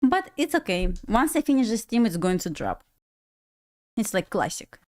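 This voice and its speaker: Her medium-pitched voice has a sing-song lilt and a darkish tone, moving at a normal speed. She's a young Belarusian woman with a Russian accent, Russian being her native tongue, casually chatting, laughing a lot and muttering to herself as she day trades live on stream.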